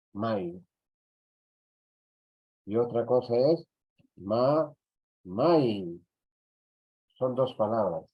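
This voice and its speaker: A Peruvian man teaching an online class, talking slowly and checking in with short tag questions. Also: medium pitch. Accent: Peruvian Spanish. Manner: slow, repetitive, tag questions. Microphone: computer mic on a video call. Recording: dull lo-fi audio.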